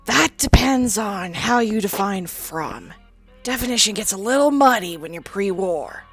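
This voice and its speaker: With soft music underneath, a woman voices a young female ghoul companion, once a psychology student, in a fan-made game dialogue. She sounds mid-range, animated and slightly rough at a measured pace, and the character comes across as wry, sardonic, blunt, crude and defensive.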